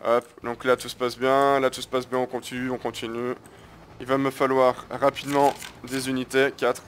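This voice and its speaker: Offering casual live gameplay commentary on a strategy match, a man chats crudely with viewers, using slang and calling them guys again and again. His mid-range, fairly bright voice is completely flat, at a moderate pace, with slight background noise.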